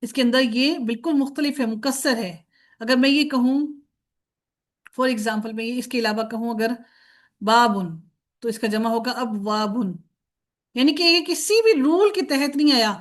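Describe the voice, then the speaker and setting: A woman with a fairly high voice gives a recorded grammar lecture. She is patient and methodical, chants word forms one after another, asks questions and then answers them herself, and slips English terms into her talk. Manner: mixes in English words. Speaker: Arabic grammar teacher.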